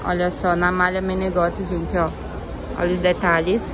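This woman's voice is fairly low and monotone, at a moderate pace, with crowd noise around her. As a shopping vlogger, she gives a casual phone-camera tour of a busy indoor clothing market, speaking through a face mask, pointing things out and chatting to viewers with frequent "ó" and "olha só."

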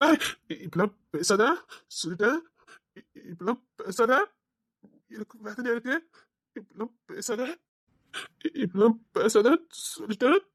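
A woman's voice: medium pitch, expressive, moderate pace, long pauses, a bit bright, no room sound, clean studio sound. A woman voicing a remorseful young husband who pleads with his wife, in a Tirunelveli Tamil accent, often whispering apologies. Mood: pleading.

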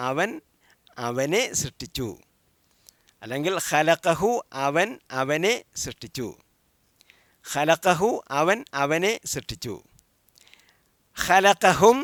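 A man's voice: a little high, fairly bright tone, no echo. Man teaching word drills in a dry close recording. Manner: drills word forms, each followed by its meaning; asks listeners to repeat after him. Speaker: Quran Arabic teacher. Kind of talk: recorded language lesson.

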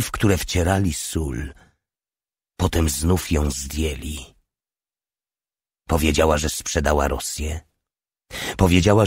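A man narrating an audiobook in a measured, grave reading style. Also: deep voice, a little mellow, no echo, clean studio sound. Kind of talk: scripted narration.

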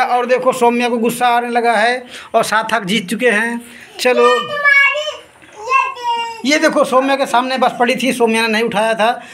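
A woman running a toy-finding game for two children. She keeps up lively play-by-play commentary and rapidly repeats item names to hurry them along. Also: fairly high pitch, background noise. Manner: scolds and laughs between rounds.

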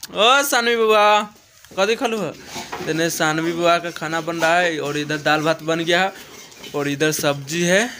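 Out in a foggy village field, a young male vlogger chats as he walks, talking into a phone camera held at arm's length. He speaks at a fairly high pitch and a measured pace, with noise in the background.

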